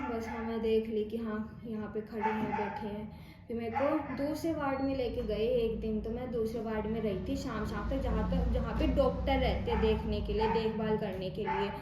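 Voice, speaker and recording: A young woman with a Rajasthani accent, casually telling a personal story and acting out the dialogue as she goes. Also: fairly high pitch. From India. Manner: chatty, retells dialogue, frequent "bhai". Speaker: vlogger. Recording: very echoey room, faint ambient noise.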